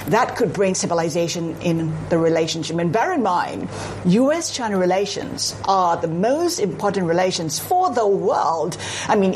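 Woman from Singapore, news panel analyst, measured delivery, faint hiss behind. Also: mid-range voice, darkish tone. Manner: measured, frequent "I mean" asides.

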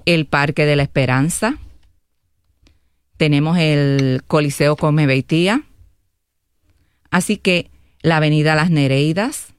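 Puerto rican woman, 50s, earnest, smooth clear voice, dry studio sound. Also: deep voice, dry recording. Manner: earnest, fills pauses with "¿verdad?". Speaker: mayoral candidate. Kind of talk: radio interview.

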